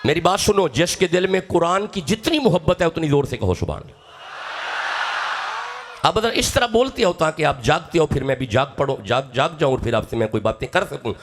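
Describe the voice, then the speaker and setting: A man's voice: fairly high pitch, lively intonation, hardly any pauses. A man from Pakistan with a Punjabi accent, preaching an emotional sermon, dramatic and urging his audience to respond.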